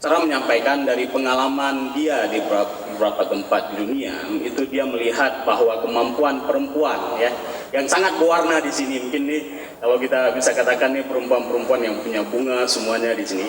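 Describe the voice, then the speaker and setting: A man's voice: medium pitch, brisk. A man moderating a public event in a conversational way, introducing and interpreting for guests. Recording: echoey hall from far off, faint noise.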